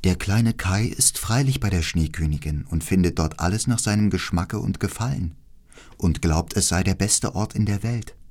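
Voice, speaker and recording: A man voicing a wise old woman who gives calm, grave instructions in a fairy-tale audiobook reading. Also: fairly low pitch.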